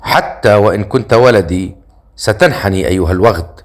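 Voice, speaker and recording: A man voicing a revered woman in her fifties who is irritable and sharp-tongued, in a storybook reading. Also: medium pitch, lively intonation, normal speed, natural voice.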